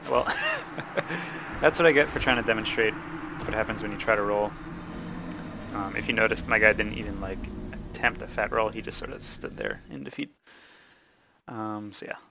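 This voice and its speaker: Gravelly-voiced man commentating a game. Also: on the low side, normal speed, pauses often, background noise. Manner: relaxed, explaining with many ums and uhs. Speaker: gaming channel host. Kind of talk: casual let's play commentary.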